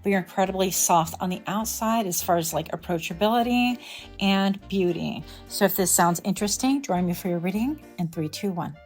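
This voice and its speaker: A woman's voice: mid-range voice, fairly quick, darkish tone, soft background music. A woman doing a casual tarot reading to camera, chatty and rambling, correcting herself and laughing lightly as she goes. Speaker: tarot reader.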